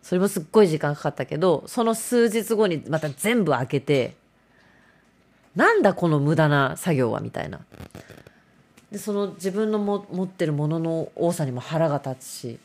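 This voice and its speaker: A woman's voice: low voice, animated, normal speed, warm tone. A middle-aged woman hosts a casual solo talk show, rambling and self-mocking.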